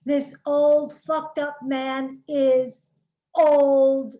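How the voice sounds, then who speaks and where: A woman's voice: high voice, level tone, extremely slow, dark tone. A woman co-hosting a casual watch-along show, narrating what happens on screen with dry jokes. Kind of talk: casual reaction chat while watching a TV episode.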